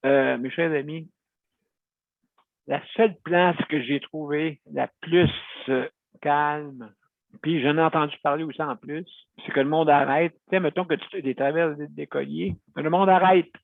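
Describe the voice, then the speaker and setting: Host, male, gravelly and slightly high, rambling chatty delivery, dry tinny phone-like sound. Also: fairly even intonation, measured pace, no room sound. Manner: rambling, chatty, self-correcting storyteller. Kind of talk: casual talk to listeners.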